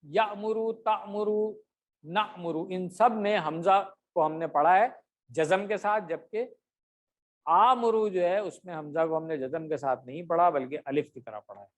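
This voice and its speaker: A man teaching an online grammar class, speaking patiently, pausing often with fillers and stretching out drill words slowly. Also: on the high side. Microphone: computer mic on a video call with camera off.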